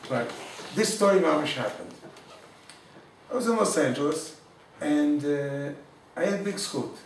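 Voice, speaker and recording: A man giving an informal Torah class, telling a story warmly and mixing in Hebrew and Yiddish words. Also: fairly high pitch, expressive, unhurried, gravelly, distant mic, a little hiss or hum. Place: room in Jerusalem. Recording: echoey room, speaker away from the mic.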